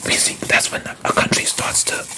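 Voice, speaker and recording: An ASMR host from South Africa whispering fast, talking through opinions in a rambling way with halting restarts.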